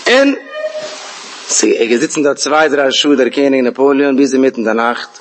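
A man telling a folk tale in an animated way, often repeating words and voicing the figures' lines himself. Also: medium pitch, normal speed, a little hiss or hum.

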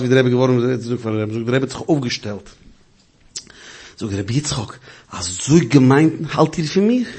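A man telling a story in a casual, halting way, often restarting and repeating words. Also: mid-range voice, gravelly, darkish tone, husky.

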